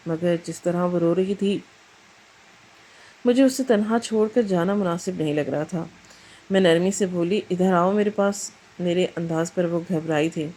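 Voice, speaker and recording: A woman narrating a first-person moral story in an even, reflective way. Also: lowish voice, low-quality recording.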